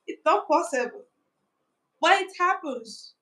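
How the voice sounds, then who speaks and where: A woman's voice: very high-pitched, expressive, unhurried, pushed and bright, low-quality recording. A woman hosting a live stream, talking casually and animatedly to her viewers with many restarts and asides. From Africa. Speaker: host.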